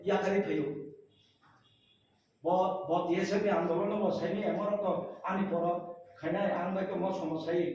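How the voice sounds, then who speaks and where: High-voiced man in a very echoey room. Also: darkish tone, far from the mic, a little hiss or hum. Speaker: political speaker at a press meet. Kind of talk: press conference statement.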